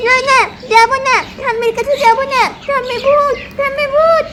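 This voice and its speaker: Small scared boy, tearful and whiny, very high, put on by a woman; noisy home take. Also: steady tone, unhurried, fairly bright tone. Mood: scared crying. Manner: crying, pleading.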